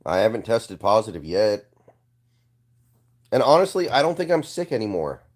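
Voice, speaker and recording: On his casual live stream, a young man answers viewers' comments offhandedly at a moderate pace, very animated despite a congested, hoarse voice on the low side. He often clears his throat.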